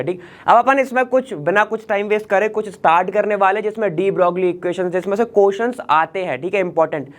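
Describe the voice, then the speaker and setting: A man teaching an online chemistry lesson in casual Hindi mixed with English terms. He explains step by step, keeps checking in with "ठीक है" and asks questions aloud. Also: high voice. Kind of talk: online exam-prep lesson.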